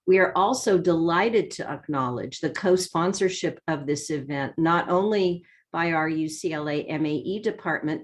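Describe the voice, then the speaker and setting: A woman hosting an online seminar, giving a measured, formal introduction with an occasional filler. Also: low voice. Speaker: seminar host. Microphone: video call.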